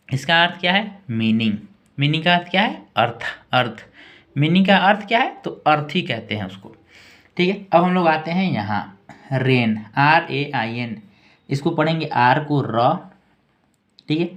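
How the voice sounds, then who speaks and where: A man with a slightly high voice runs a patient language lesson. He breaks each word into letters and sounds, going slowly, and keeps checking in with a quick "okay" as he goes. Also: highs cut off. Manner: spells words out slowly letter by letter, many "thik hai" checks. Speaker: English teacher, channel host.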